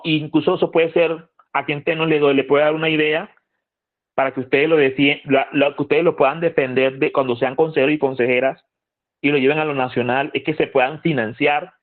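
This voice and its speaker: A man giving a conversational lecture to a youth group, asking the audience questions and repeating phrases for emphasis. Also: fairly high pitch. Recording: tinny phone-like audio.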